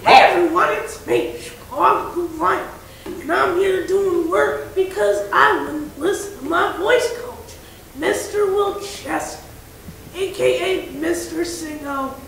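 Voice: very high-pitched, slow, vocal fry, a bit bright, exaggerated voice. A performer voicing a cheeky, rebellious young lion who mocks his teacher and talks back. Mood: chatty. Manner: defiant, mocking, chatty. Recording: very echoey room, mic far off, faint hiss.

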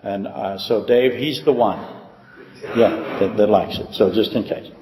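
A man's voice: lowish voice, a little slow, crowd noise. An older male pastor with a lisp, giving a casual, joking Bible lecture and reading letters aloud. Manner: joking, self-deprecating, reads letters aloud. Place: church hall. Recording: echoey hall with long reverb.

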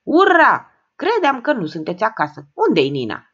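A woman voicing a loud, pushy, excitable man who bursts out in an audiobook reading, on a dull lo-fi recording. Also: fairly high pitch, husky, voice pushed up, heavily acted. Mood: blustering. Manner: explosive, shouty bursts. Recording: dull lo-fi sound.

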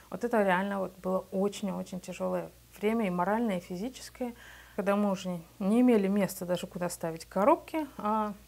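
Speaking fairly quickly in a mid-range, slightly mellow voice with vocal fry, a woman in her thirties from Belarus recounts her journey as a business owner. She's interviewed for a documentary in a small office, wearing a lapel mic, and comes across plainly and conversationally.

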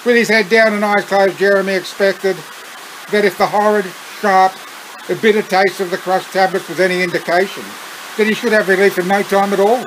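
A man with an Australian accent reading his own story aloud, unhurried, breaking off for chuckling asides. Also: high-pitched, fairly even intonation, fairly bright tone, a little hiss or hum, poor audio.

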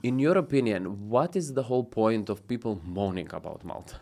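A man in his thirties hosts a relaxed studio podcast with a lower voice. He talks with an upbeat energy, laughs easily and makes small grammar slips. He is recorded close on a desk boom mic. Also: brisk, vocal fry. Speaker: podcast host. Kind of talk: casual interview chat. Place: studio set with blue walls and a wooden table. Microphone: desk podcast mic on boom arm.

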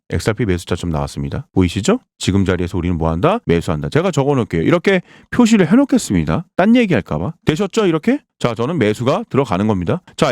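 Emphatic man with wildly swinging pitch. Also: a little mellow, no echo, clean studio sound. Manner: emphatic, quizzes listeners with rhetorical questions and answers them himself. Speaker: crypto channel host. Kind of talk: sales-pitch chart walkthrough.

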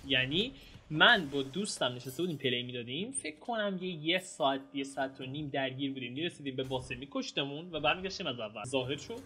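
A young man giving excitable, casual commentary while playing a video game, shouting and groaning at the action. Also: medium pitch. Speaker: gameplay streamer. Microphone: home mic with some noise.

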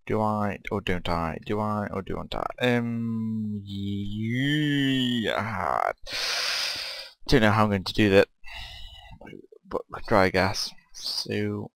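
A man's voice: lowish voice, little pitch movement, unhurried, vocal fry, clear, resonant tone, no echo. A man casually commenting as he plays and builds in a game, rambling and thinking aloud as he asks himself questions. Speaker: game player and channel host. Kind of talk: casual let's-play commentary.

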